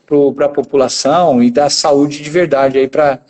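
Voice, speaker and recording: A man's voice: a little high, fairly even intonation, measured pace, a little mellow. A man speaking as a guest dentist in a casual conversation, explaining steadily and ending many phrases with a tag question.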